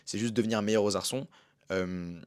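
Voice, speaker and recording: A man's voice: lowish voice, fairly even intonation, moderate pace, clear, resonant tone, no room sound, clean studio sound. A young man in casual chat about his gymnastics training, talking in a slangy, rambling way with many fillers. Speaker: vlogger and amateur gymnast.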